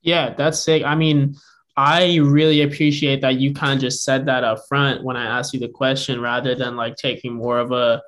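A man's voice: medium pitch, flat delivery, moderate pace, a bit bright. A man from the Bay Area, hosting a casual podcast chat, laid-back and slangy with many likes. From San Francisco Bay Area. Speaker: podcast host.

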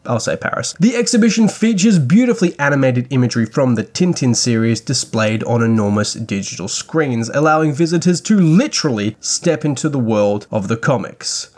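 Man, podcast host, scripted commentary, expressive pitch, dry humor. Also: fairly quick, hardly any pauses. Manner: dry, wry asides.

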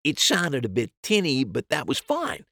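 Man voicing animated, high-pitched amateur sleuth. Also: moderate pace, vocal fry, dry recording, heavily acted. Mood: emphatic explaining. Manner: emphatic, explanatory.

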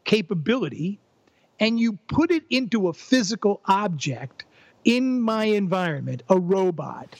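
A man's voice: high-pitched, sing-song, unhurried, vocal fry, dry recording. An older man, a former professor, talking through ideas in a podcast interview, often restarting and repeating words as he builds a point. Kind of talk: conversational interview.

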